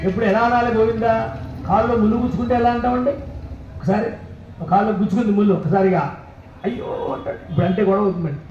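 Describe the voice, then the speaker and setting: A man serving as temple priest, chanting mantras slowly in a sung voice and explaining the ritual quickly in between. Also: high-pitched, darkish tone, dull audio, a little hiss or hum. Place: temple hall during a ritual. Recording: very echoey, voice from far off.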